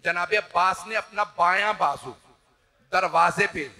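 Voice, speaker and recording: A man's voice: high voice, a little slow, gravelly. A man giving a dramatic mourning sermon to a live gathering in a large hall. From Pakistan. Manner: dramatic storytelling, swelling to loud wailing cries. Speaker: Shia cleric leading a majlis.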